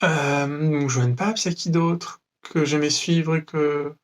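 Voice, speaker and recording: A man's voice: fairly high pitch, fairly even intonation, takes it slowly. A young man from France ranting to camera in a sarcastic, mocking, rambling way, with many fillers and restarts. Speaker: vlogger. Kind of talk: freestyle rant to camera.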